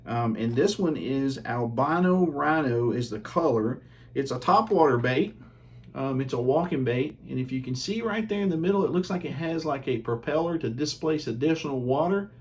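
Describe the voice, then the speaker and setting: A man hosting his fishing channel, casually reviewing baits at home in a relaxed, chatty way with lots of ums and uhs. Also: medium pitch, moderate pace.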